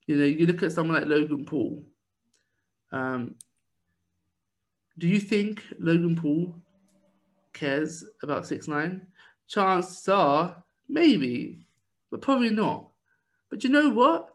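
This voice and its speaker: A man's voice: fairly high pitch, expressive, slow pace, long pauses. A man co-hosting a casual podcast, rambling with lots of fillers as he chats. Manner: rambling, with many fillers and restarts. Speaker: podcast co-host.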